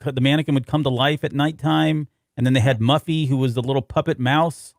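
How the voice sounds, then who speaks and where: A man's voice: medium pitch, steady tone, fairly quick, gravelly, no room sound, studio quality. A man co-hosting a podcast, chatting casually about a novel, laughing often and rambling through memories. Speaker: podcast co-host.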